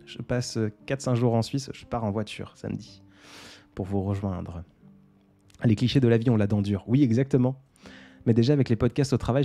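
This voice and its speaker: Soft-spoken man hosting a livestream. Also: mid-range voice. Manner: soft-spoken, laughs often, reads out comments. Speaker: livestream host. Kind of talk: casual livestream chat reading comments.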